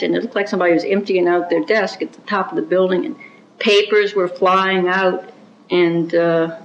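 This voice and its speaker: A woman giving an oral history interview, recounting events in a measured, reflective way with small restarts. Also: medium pitch, slight background noise. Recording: roomy, dull-sounding recording.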